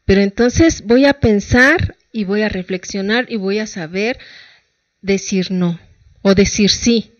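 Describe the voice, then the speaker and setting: A middle-aged woman psychologist with a Mexican Spanish accent gives colloquial advice on a talk show, posing rhetorical questions to her listeners. Her mid-range voice moves at a measured pace, and the recording is dry and muffled.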